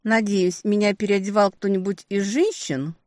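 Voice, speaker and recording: A woman voicing a fiery, indignant young demoness in an audiobook, pitched higher and louder than her narration. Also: steady tone, normal speed, no echo, clean studio sound, close to an everyday voice. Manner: indignant, shouting accusations.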